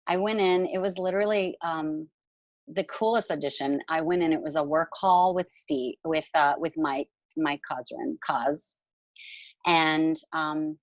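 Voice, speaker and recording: A woman's voice: low voice, fairly even intonation, a little slow, no echo, poor audio. A woman in her forties, a musical theatre actress, chatting casually over a video call and rambling with lots of fillers. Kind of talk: casual Q&A chat.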